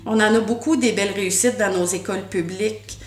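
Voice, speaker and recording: Speaking at a fairly quick clip in a steady, medium-pitched voice, this middle-aged Québécoise from Quebec, Canada, is interviewed as a school board candidate. She is earnest, frequently restarts with "euh" fillers, and repeats words while hunting for them, all in an echoey space.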